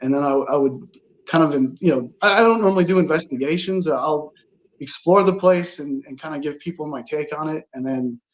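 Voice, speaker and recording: Higher-pitched man, halting, on lo-fi audio. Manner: halting, rambling. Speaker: interview guest, travel blogger. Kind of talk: casual interview storytelling. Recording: slightly dull, lo-fi sound.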